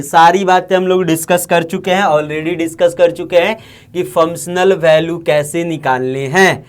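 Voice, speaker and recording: A man's voice: sits high, smooth. A man from India with a Bihari Hindi accent, teaching an online maths lecture, who repeats himself and keeps asking the class if they follow. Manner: repetitive, coaxing, asks the class often.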